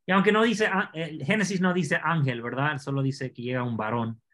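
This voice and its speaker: A man teaching an online scripture class, explaining Hebrew words slowly and asking his students questions. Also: a little high, steady tone, a bit bright.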